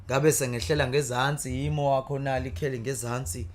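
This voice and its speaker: A man's voice: mid-range voice, little pitch movement, quick pace. A man with a Zulu accent reciting praise poetry in an impassioned, declamatory torrent. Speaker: guest, praise poet.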